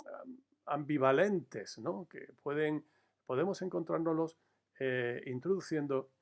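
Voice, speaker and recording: A man teaching a recorded grammar lesson, explaining in a measured way, slowing to stress key words and addressing his students directly. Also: medium pitch.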